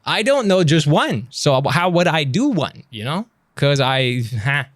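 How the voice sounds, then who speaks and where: A man's voice: a little high, very animated, a little slow, no room sound, studio quality. A male streamer chatting casually on a live stream, self-mocking and swearing freely.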